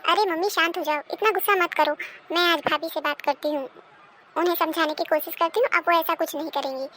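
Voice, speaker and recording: A woman voicing a calm, reasonable married daughter in a cartoon, giving soothing advice. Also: very high-pitched, a little fast, slight background noise. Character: calm, sensible married daughter visiting home. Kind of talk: cartoon dubbing.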